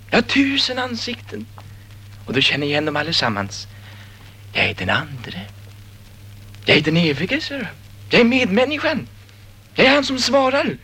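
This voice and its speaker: Brief: actor as an insistent optimist alter ego, radio drama, lively high husky voice. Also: male voice, exaggerated voice. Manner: insistent, rising to ecstatic declarations. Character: relentless male inner voice, pushy eternal optimist. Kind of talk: radio play acting.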